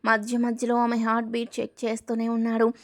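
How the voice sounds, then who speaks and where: A woman's voice: a little high, completely flat delivery, a little fast. A woman narrating a family story, reading every character's lines in her own voice. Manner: reads all dialogue in her own narrating voice; breaks off to ask viewers for likes.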